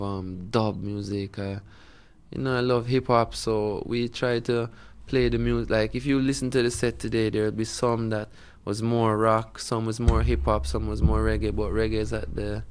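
A man's voice: on the low side, flat delivery, normal speed, smooth. A man with a Jamaican accent talking casually as a musician being interviewed.

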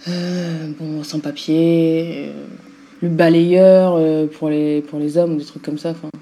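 Frank woman dubbing actress, mellow voice. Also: low-pitched, little pitch movement, takes it slowly. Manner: frank, conversational. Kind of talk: documentary interview.

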